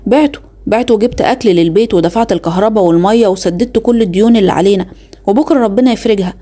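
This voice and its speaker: A gentle, faithful older mother, read by a woman storyteller, soothing her daughter with an Egyptian accent. The delivery is very fast and the tone is mellow and dark. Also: mid-range voice, lightly acted. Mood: reassuring. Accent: Egyptian Arabic. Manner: soothing, reassuring.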